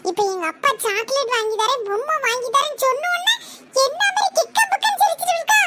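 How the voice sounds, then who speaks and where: A performer voicing bickering small village children in a cartoon, with a Tirunelveli-Kanyakumari Tamil accent and a shrill, teasing manner. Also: quick pace, pushed and bright, faint music behind. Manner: shrill, squabbling, teasing banter. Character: bickering small village kids, boy and girls. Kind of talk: cartoon voice acting. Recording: noisy cartoon audio.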